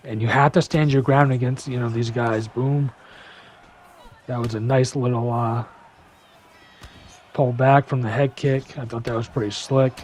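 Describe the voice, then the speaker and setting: A young man giving a casual gameplay breakdown, full of "you know" fillers and sometimes rushing to keep up with the action. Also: medium pitch, a little mellow, a little hiss or hum. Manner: casual, filler-heavy, talks fast to keep up. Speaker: gaming YouTuber.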